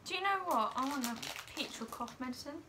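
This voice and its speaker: Casting: young woman, high and swooping pitch, relaxed banter among friends. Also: brisk. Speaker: challenge video participant. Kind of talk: casual chat with friends. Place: small room by a window. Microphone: camera a short distance away. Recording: noisy, crinkling packets and clicks.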